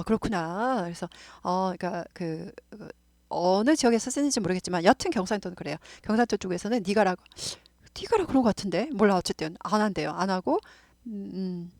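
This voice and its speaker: A woman's voice: mid-range voice, darkish tone, no echo, studio quality. A middle-aged woman with a Seoul accent, explaining English grammar in a casual, chatty lesson, repeating points and drifting into asides. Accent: Seoul Korean. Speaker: English teacher.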